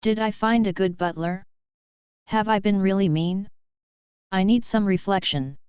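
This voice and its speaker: A woman's voice: medium pitch, a little slow, a little mellow, smooth, no room sound, close to an everyday voice. A woman voicing a proud male house cat who talks in a blunt, scolding way. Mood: grumpy. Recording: dull, muffled sound.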